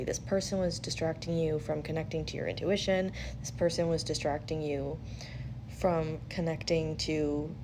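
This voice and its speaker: There's background noise behind this woman's low voice. She's a tarot-style reader and host doing an easygoing intuitive reading, conversational and blunt with plenty of swearing, and she acts out quotes animatedly while giving chatty advice.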